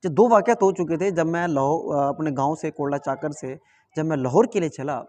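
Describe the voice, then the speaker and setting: A young man from Pakistan, telling a story to camera in an animated way, repeating phrases and chuckling often. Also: on the high side, fairly quick. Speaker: vlogger.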